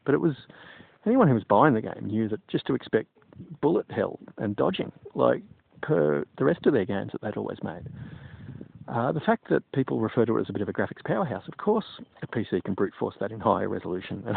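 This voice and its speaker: Gravelly middle-aged man, tinny sound. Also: medium pitch, no echo. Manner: opinionated, digressive. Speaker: gaming commentator and PC technician. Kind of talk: casual opinion monologue. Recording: tinny phone-like sound, dry.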